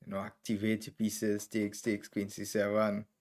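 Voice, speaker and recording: Speaking at a moderate pace, this man from Trinidad and Tobago has a fairly low, monotone, slightly mellow voice and a Trinidadian accent. On a live stream, he goes through chess games move by move, musing aloud and naming moves in quick bursts.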